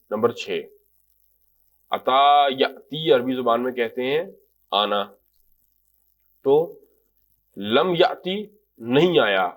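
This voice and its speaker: This is a man leading a grammar lesson at an everyday medium pitch. He reads short example phrases, repeats them and translates them one by one in a patient, explanatory way. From Pakistan. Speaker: Arabic language teacher. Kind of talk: grammar lecture in Urdu.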